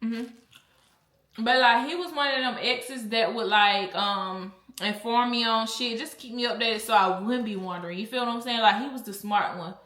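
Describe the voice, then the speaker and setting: A woman's voice: a little high, normal speed, a bit bright, reverberant. A woman vlogger telling a storytime in a blunt, chatty way while eating, and she often drifts off topic. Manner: chatty, blunt, easily sidetracked.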